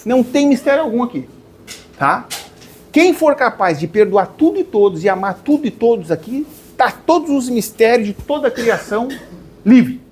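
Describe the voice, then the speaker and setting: A man's voice: extremely high pitch, lively intonation, moderate pace, darkish tone, slightly rough. A man gives a spiritual lecture to a live audience. He questions his listeners and calls them dear ones.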